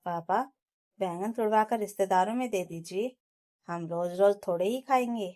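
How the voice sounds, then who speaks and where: A woman's voice: mid-range voice, moderate pace, darkish tone, natural voice. A woman voicing an outspoken college-age daughter. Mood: reassuring. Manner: outspoken, reproachful. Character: young college-going daughter, fair-minded and outspoken.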